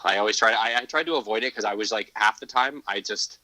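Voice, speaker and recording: Bright-voiced man rambling on a podcast. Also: on the low side, quick pace, no room sound, rough recording. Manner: rambling, self-interrupting, laughs often. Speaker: co-host. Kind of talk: casual podcast chat.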